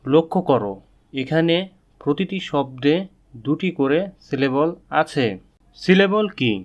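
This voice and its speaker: A man teaching an English lesson, repeating words slowly and spelling them out letter by letter. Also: a little high, highs cut off. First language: Bengali. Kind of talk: slow, drilled English lesson with repetition.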